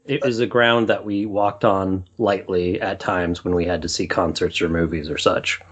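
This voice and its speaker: Low husky-voiced male podcast co-host. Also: normal speed, dull audio. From Utah. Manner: rambling storyteller, animated when excited. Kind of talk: casual podcast chat. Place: Portland, Oregon.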